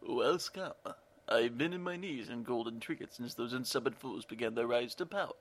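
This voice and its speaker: A man's voice: medium pitch, expressive, moderate pace, pushed and bright. A man voicing a greedy, gloating male villain in a hobby audio drama, sneering and pompous.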